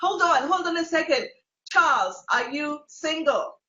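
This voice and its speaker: A woman hosts a casual talk show, playful and teasing as she draws out her guests. Her voice is high and bright. The sound is roomy and a little dull. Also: lively intonation, measured pace. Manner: playful, teasing, laughs often. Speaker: host.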